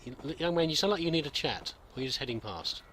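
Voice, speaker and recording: A man's voice: on the high side, animated, fast talker, fairly bright tone, slight background noise. A man giving casual, rambling game commentary, musing aloud hesitantly and politely as he plays. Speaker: gamer narrating a roleplay playthrough.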